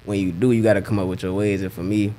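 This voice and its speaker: Laid-back rapper, low voice. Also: male voice, level tone, fast talker, dark tone, slight background noise. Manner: laid-back, slangy, keeps saying "you know what I'm saying". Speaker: rapper guest. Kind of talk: casual podcast interview.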